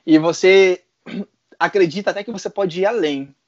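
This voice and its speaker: A man with a Brazilian Portuguese accent, an interview guest telling a personal story in a casual, animated way with frequent laughs and slang. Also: high voice, normal speed, no room sound. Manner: animated, laughs often, mixes in colloquial slang. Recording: dull lo-fi sound.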